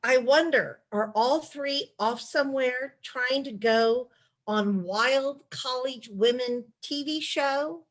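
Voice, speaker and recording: A woman author, a former chief of staff, reading letters aloud in a measured storytelling way during a video call interview. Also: sits high.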